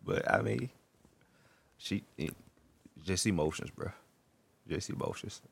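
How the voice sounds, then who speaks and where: A man's voice: sits low, lively intonation, takes it slowly, vocal fry, slightly rough, no echo. A young man co-hosting a casual podcast, easygoing, laughing often and answering with short agreeing sounds. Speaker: podcast co-host.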